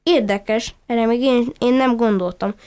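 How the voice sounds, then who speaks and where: A woman's voice: a little high, darkish tone, clean tone, lightly acted. A woman voicing a playful, cheeky little duckling who chatters eagerly and teases.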